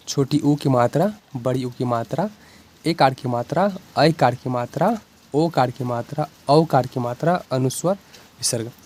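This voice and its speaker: A man's voice: mid-range voice, a little mellow. A man with a Bihari Hindi accent, in a mid-range voice, teaches a beginner's lesson. He explains step by step in a patient, repetitive way and keeps checking that the viewer is following along. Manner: patient, repeats "ठीक है ना" often.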